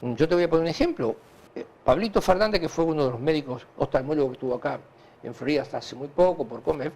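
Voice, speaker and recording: A man with a Uruguayan Spanish accent answering conversationally in an interview, halting and repeating himself as he recounts anecdotes. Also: on the high side, creaky. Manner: animated, halting and repetitive, with frequent filler tags. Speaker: interview guest, hospital director.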